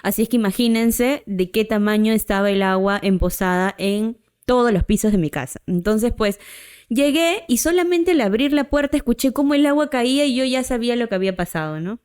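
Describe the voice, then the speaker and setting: Her voice is on the high side, brisk, a little mellow, and clean as she tells a casual personal story on her podcast. She keeps tagging her lines with a questioning "right?".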